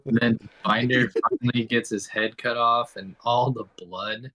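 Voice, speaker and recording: A man's voice: medium pitch, fairly even intonation, measured pace, sharp tone, no echo, rough recording. A man gushing enthusiastically while chatting casually about comics. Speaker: podcast co-host.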